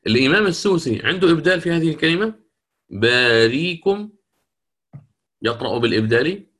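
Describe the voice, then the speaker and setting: A man teaching a class on Quranic recitation rules, asking the class questions and modeling each word in slow, drawn-out recitation. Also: a little high, lively intonation, a bit bright, slightly rough. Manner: asks the class questions and answers them himself. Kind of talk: recorded lecture on Quranic readings.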